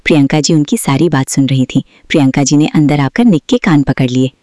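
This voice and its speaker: A woman reading a story aloud as narrator, steady and even. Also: low-pitched, brisk, dry recording, studio quality.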